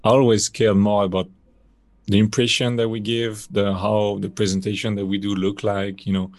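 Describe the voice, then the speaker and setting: A man in his thirties from France, speaking with a French accent, chats casually about his work as a podcast guest in a conversational interview. His voice is fairly low and his pace moderate, with no room sound, and he's relaxed and rambling, using lots of fillers.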